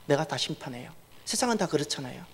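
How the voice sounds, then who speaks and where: A man's voice: a little high, lively intonation, fast, a bit bright, breathy edge. A male pastor preaching a sermon, pressing points with emphatic repetition and asking the congregation questions. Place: church sanctuary. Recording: long church reverb.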